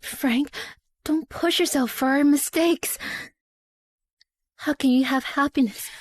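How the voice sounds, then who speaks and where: A woman's voice: sits high, slow, dry recording, clean studio sound. A woman acting a desperate, remorseful young woman in a dubbed short drama, emotional and pleading. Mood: anxious pleading. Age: young adult.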